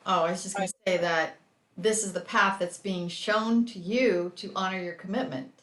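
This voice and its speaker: A woman's voice: mid-range voice, fairly even intonation, normal speed, a bit bright, roomy sound. A woman joining a group discussion on a call, speaking in an encouraging way.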